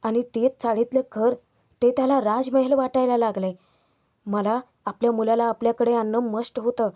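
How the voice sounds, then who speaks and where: A woman's voice: fairly high pitch, little pitch movement, moderate pace, dark tone, close to an everyday voice. A woman reading a stern, scheming father. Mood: urgent. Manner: firm, urgent reasoning. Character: stern scheming father trying to calm his wife.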